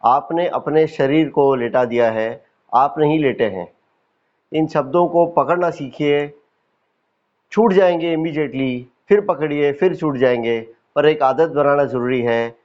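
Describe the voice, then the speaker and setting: A male teacher with an Indian accent guides a yoga nidra meditation, calm and instructive, using deliberate pauses and repetition. His voice is on the high side and the recording sounds lo-fi.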